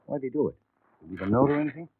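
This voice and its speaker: A worldly hotel house detective talks in a chatty, confiding way, and his pitch rises and falls a lot. The voice is thin and tinny from an old AM radio broadcast, with a faint hiss underneath. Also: lively intonation, rapid-fire. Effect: old AM radio broadcast sound. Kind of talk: 1950s radio drama acting.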